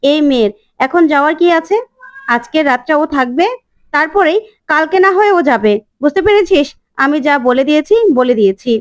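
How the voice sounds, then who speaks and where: A woman's voice: high-pitched, lively intonation, moderate pace, no echo, studio quality. A woman voicing a bossy elderly great-aunt who gives orders and brooks no argument. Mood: commanding.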